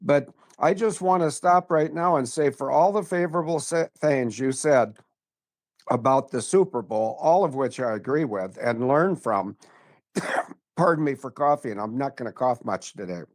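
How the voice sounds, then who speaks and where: A man's voice: medium pitch, moderate pace. Blunt, rambling man in his seventies. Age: 70s. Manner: blunt, rambling, tangent-prone. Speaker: regular commentator. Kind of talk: casual chat.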